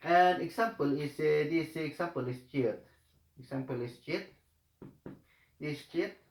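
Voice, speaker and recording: A man speaks slowly and haltingly, repeating phrases and filling gaps as he walks through a writing lesson step by step. His voice sits a little high. The room around him is echoey. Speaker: Korean language tutor.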